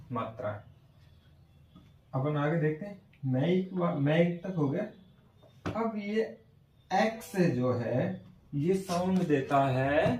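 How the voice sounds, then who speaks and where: A male teacher giving a classroom lesson on phonetic transcription, slowly sounding out words and often checking whether students follow. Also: on the high side, a little mellow, a little hiss or hum. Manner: slow, repeats sounds and checks understanding often. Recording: echoey room from far off.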